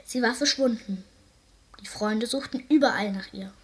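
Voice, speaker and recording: A woman reading a children's story aloud, narrating in a calm storytelling way. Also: a little high, normal speed.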